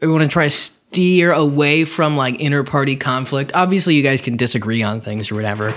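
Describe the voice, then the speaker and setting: A man's voice: medium pitch, brisk, a bit bright. A man chatting casually as the host and dungeon master of a tabletop gaming podcast.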